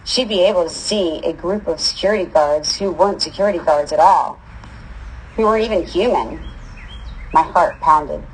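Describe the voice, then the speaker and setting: A woman's voice: lowish voice, expressive, normal speed, a little hiss or hum, low-quality recording. A woman reading a first-person story aloud in a casual, wry manner. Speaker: audiobook reader.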